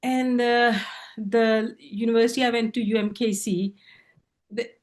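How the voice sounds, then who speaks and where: A middle-aged woman from Pakistan, speaking as a guest on a video-call interview, unhurried and hesitant with fillers. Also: on the high side, fairly even intonation, a little mellow. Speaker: guest artist. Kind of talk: relaxed interview conversation.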